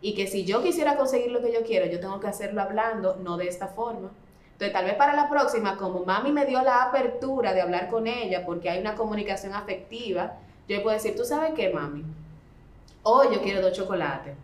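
Woman, parenting expert guest, conversational, mid pitch, roomy echo. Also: quick pace. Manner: acts out gentle talks with a child. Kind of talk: conversational explanation.

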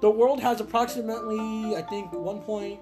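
A woman's voice: medium pitch, moderate pace. A woman co-hosting a casual rant podcast, laughing often and repeating herself. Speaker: podcast co-host. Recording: music playing behind.

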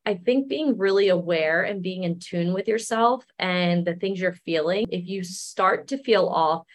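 Guest, woman in her 30s, slightly low voice, relaxed explanatory chat. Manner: relaxed, explanatory, many fillers. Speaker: wellness coach guest. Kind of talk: casual interview chat.

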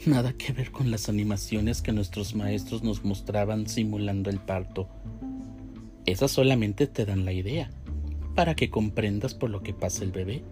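A man voicing a kind, playful young Japanese nurse in a storybook reading, speaking gently and teasing now and then. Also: fairly low pitch, moderate pace, close to an everyday voice. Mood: gentle. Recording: faint music behind.

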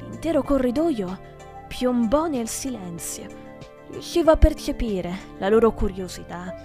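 A woman reading a children's book aloud with expressive storytelling, as the host of her own podcast. Her voice sits a little high, and gentle music plays faintly under the narration. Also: unhurried. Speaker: podcast reader.

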